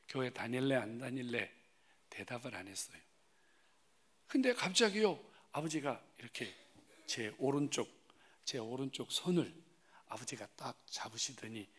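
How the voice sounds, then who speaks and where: A man preaching in a church as a guest pastor, telling a personal testimony. He swings from loud, emphatic rises to hushed, whispered asides and puts direct questions to the congregation. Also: mid-range voice, slightly rough. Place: church sanctuary.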